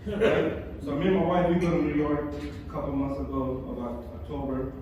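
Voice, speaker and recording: A middle-aged male stand-up comedian, born in Massachusetts and raised in California, performs a set on a comedy club stage. His slightly high, a little mellow voice moves briskly in a chatty, rambling way, full of fillers and restarts. The mic is distant, picking him up from far across the echoey room along with background noise.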